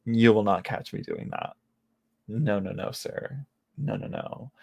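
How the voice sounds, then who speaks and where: Gravelly, rambling man in his late twenties. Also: fairly low pitch, huge pitch swings, a little slow. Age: late 20s. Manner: rambling, self-mocking, many restarts. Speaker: tarot reader. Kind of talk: casual live-stream chat.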